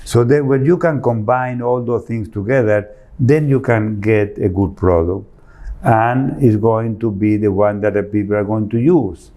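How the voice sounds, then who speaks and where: Argentine-accented man, low mellow voice, earnest guest who searches for words. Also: measured pace, muffled recording. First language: Spanish. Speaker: architect guest. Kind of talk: interview answers.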